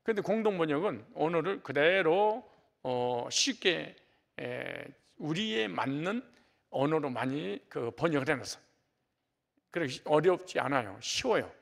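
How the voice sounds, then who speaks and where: A man's voice: on the high side, animated, a little slow, vocal fry. A middle-aged male pastor giving a conversational sermon, with joking asides to his congregation.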